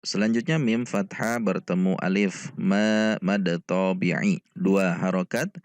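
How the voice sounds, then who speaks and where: A man with an Indonesian accent teaches Quran recitation in a patient, step-by-step lesson, breaking each word into letters before reciting it. His voice sits low and he takes his time. The recording is dry and close, with no room sound. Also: steady tone, dry recording. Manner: explains letter by letter, then recites the verse slowly. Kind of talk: slow step-by-step tajwid lesson.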